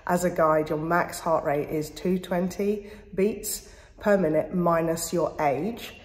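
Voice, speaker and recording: An injured athlete vlogs while training in a small hotel gym, talking to a camera held at arm's length in a wry, self-deprecating, casual way. Her voice is fairly low and even, and she takes her time. The hard-walled room is echoey and reverberant.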